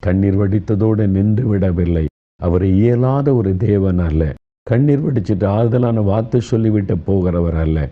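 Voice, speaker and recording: A man's voice: low voice, lo-fi sound. A man with a Tamil accent preaching an earnest, consoling sermon as a pastor.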